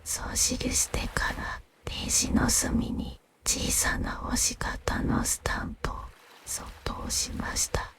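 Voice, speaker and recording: A woman narrating gentle fantasy stories in a soft, unvoiced ASMR whisper, soothing and unhurried.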